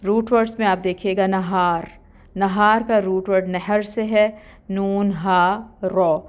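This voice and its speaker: A woman's voice: medium pitch, steady tone, clean tone. A woman teaching Quran recitation rules, explaining each letter patiently and step by step. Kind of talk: step-by-step tajweed lesson.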